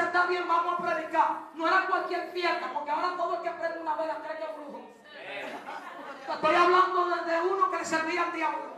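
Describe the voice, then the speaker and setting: A woman preacher, delivering a fervent sermon that swings between shouting and hushed testimony. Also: very high voice. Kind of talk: Pentecostal-style sermon. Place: large church hall. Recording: very echoey hall, distant mic, congregation.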